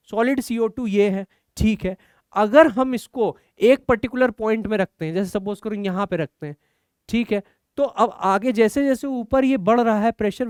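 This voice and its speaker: A man's voice: high-pitched, a little mellow, clean tone, no echo, clean studio sound. A man teaching chemistry, encouraging and explaining step by step with rhetorical questions. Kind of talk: online exam-prep lecture.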